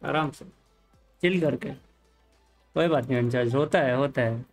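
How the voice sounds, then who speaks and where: A man with an Indian accent streaming a game live, talking casually with viewers, mixing Hindi and English and telling the chat to calm down. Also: medium pitch, normal speed, soft background music, rough recording. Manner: easygoing, mixes Hindi and English, calms the chat. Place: home room, hot.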